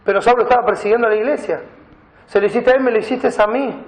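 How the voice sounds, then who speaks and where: A man's voice: very high voice, steady tone, quick pace, reverberant, rough recording. A man preaching a sermon as pastor, reading scripture aloud and explaining the meaning of Greek words. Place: church.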